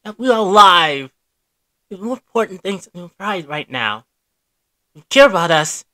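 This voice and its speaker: A woman puts on an anxious young male cartoon dinosaur who pleads and apologizes. His voice jumps around in pitch and stays bright and unhurried. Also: sing-song, no room sound. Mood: pleading. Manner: nervous, pleading.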